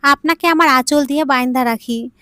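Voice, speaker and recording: A woman's voice: high-pitched, a little fast, pushed and bright, no room sound, clean studio sound. A woman voicing a naive, playful young girl bride who chats in a childlike, innocent way. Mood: sweet, pleading.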